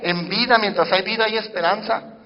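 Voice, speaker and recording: A man preaching a sermon to his congregation, swinging between loud emphasis and hushed asides and asking the church questions directly. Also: sits high, fairly even intonation, normal speed. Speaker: pastor. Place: church sanctuary. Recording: muffled church sound with long reverb.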